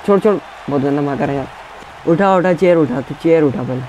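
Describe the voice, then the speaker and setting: A young man giving excited gameplay commentary, taunting his opponents and barking commands as he plays. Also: a little high, brisk, slight background noise, low-quality recording. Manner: trash-talking, taunting opponents, shouting commands. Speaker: gaming YouTuber.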